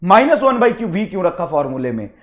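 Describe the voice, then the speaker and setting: A physics teacher scolding his class in an angry, sarcastic and blunt way, with sudden loud bursts. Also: high voice, big pitch swings, brisk.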